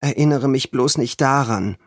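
A man's voice: medium pitch, moderate pace, no echo, studio quality, close to an everyday voice. A man voicing a stubborn, tomboyish girl who is fierce and proud of what is hers. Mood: irritable. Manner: rising sharply to urgent shouting when alarmed.

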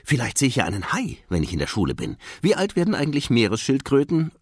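A man voicing an excited little boy clownfish in a storybook reading, bouncy and singsong. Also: mid-range voice, fast talker, breathy edge, no room sound, voice pushed up, exaggerated voice. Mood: eager, excited. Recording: dry close sound.

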